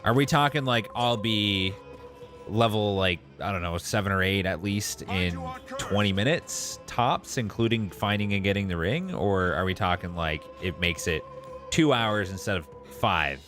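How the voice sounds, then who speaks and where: A man doing casual live game commentary, thinking out loud and answering viewers as he plays. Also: sits low, unhurried. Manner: reads and answers viewers' messages aloud. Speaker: game streamer. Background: game music.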